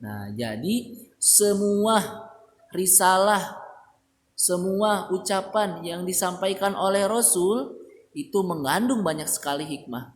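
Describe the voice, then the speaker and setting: A man teaching a religion lesson to young children, explaining patiently and drawing out the Arabic phrases slowly. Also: high-pitched, lively intonation. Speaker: primary school religion teacher. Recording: echoey room with long reverb, faint hiss.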